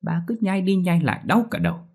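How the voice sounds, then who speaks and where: A man voicing a cruel, bullying old landlord who shouts orders at his servants, in a storybook reading. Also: high-pitched, wildly swooping pitch, fairly quick, voice pushed up, exaggerated voice. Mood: irritated. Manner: shouting, domineering.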